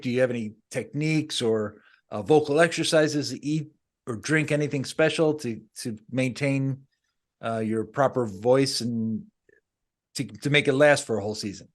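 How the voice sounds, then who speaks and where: A man hosting a podcast, asking questions in a friendly way and laughing easily. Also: medium pitch. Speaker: podcast host. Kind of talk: interview questions.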